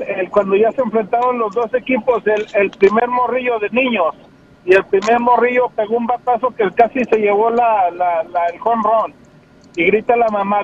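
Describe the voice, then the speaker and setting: Un hombre cuenta chistes al aire con la voz deformada por un filtro de teléfono. Repite palabras y se enreda al hablar. La línea se oye opaca. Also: male voice, high-pitched. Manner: rambling storyteller, repeats words. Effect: voice-changing filter on the phone. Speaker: radio caller. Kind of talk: joking call-in chat. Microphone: phone. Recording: dull phone line with faint noise.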